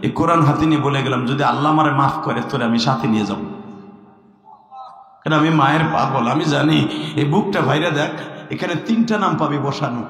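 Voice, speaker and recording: Chanting male preacher, bright tense voice, echoey PA sound, long reverb, faint music. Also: on the high side, fast talker. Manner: sing-song chanting, rising to shouts. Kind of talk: fiery sermon. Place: large gathering.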